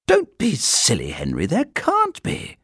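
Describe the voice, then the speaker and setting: A man voicing an astonished middle-aged wife who exclaims in a shrill, rising voice. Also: wildly swooping pitch, measured pace, a bit bright, husky, no room sound, studio quality, full character voice. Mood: disbelieving.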